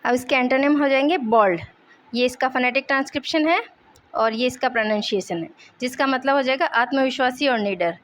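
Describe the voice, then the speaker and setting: A young woman teaching English vocabulary in Hindi, repeating each word slowly and explaining its meaning. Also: sits high, a bit bright.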